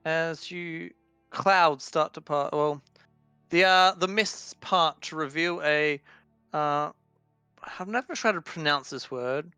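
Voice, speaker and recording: A man's voice: on the high side, slow, pushed and bright, clear, resonant tone, dry recording, faint music behind. A man narrating as dungeon master, with a loose, casual manner full of fillers. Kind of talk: narrating a tabletop game.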